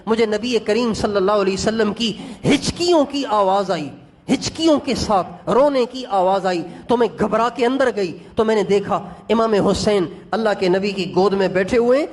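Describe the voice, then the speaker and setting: High-voiced man preaching a sermon. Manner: emotive, addresses the congregation directly. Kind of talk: sermon storytelling.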